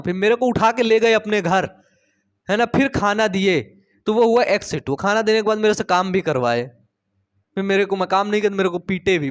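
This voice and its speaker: A young male biology teacher with a high-pitched voice talks through the lesson in a loose, conversational way. He keeps asking questions and answering them himself, and he slips personal stories in between the facts. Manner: chatty, storytelling, asks and answers his own questions. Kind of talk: casual Hindi lecture.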